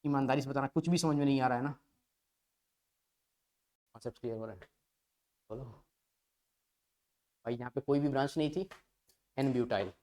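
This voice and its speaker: With a medium-pitched, dark voice, a man teaches chemistry online in a playful, coaxing way. He throws questions to his students and supplies the answers himself.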